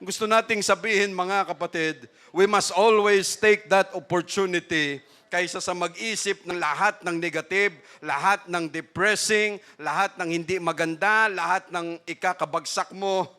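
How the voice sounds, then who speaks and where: A man's voice: high voice, fairly even intonation, measured pace, few pauses, sharp tone, clear, resonant tone. A man preaching a sermon as pastor, peppering his talk with a questioning "no?" and chuckling asides. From Philippines. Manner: mixes asides and laughs, repeated "no?" tag.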